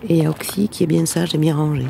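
Gravelly woman vlogging outdoors in wind. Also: sits low, steady tone, racing. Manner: chatty, with frequent hesitations and laughs. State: a little out of breath from walking. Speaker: travel vlogger. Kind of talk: casual travel vlog commentary. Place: outdoors in a windy hilltop town. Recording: loud wind noise on the mic.

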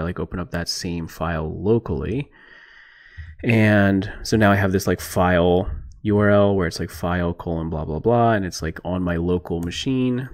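A man giving a casual screencast lesson as an instructor, thinking aloud in a relaxed way with many fillers. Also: low voice. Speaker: programming instructor. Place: indoors at a computer, voice-over on screen recording.

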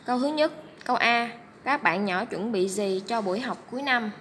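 A woman primary school teacher giving a reading lesson to first graders, reading aloud and spelling out words slowly and clearly. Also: a little high, noisy background. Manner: slow, clear, syllable-by-syllable teaching delivery.

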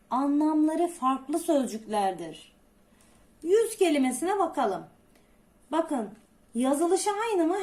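A woman teacher explaining a lesson, asking herself rhetorical questions and answering them, with slow, stressed explanations. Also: high voice, darkish tone. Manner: asks many rhetorical questions. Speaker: Turkish teacher. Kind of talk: classroom lesson.

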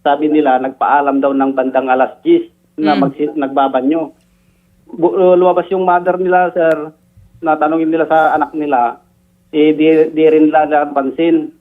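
A man's slightly high voice comes through a tinny, narrow phone line. He reports as a police investigator, halting and searching for words. He adds a deferential "sir" to nearly every phrase. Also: flat delivery. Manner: deferential, says "sir" constantly, halting with fillers.

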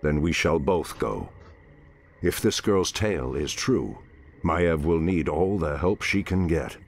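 An actor playing a grave ancient male night elf archdruid in a video game cutscene, speaking in a deep, solemn, measured way. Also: animated, exaggerated voice.

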